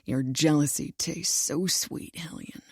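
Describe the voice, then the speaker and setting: A woman voicing a gruff, domineering cowboy man with a low, commanding growl. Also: measured pace, darkish tone, dry recording, studio quality, heavily acted. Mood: possessive.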